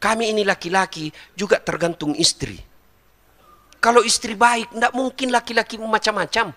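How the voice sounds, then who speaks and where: A man's voice: high-pitched, normal speed, in a large hall. A middle-aged man giving a humorous sermon, joking and speaking straight to the audience. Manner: lively, joking, addresses the audience directly. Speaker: preacher.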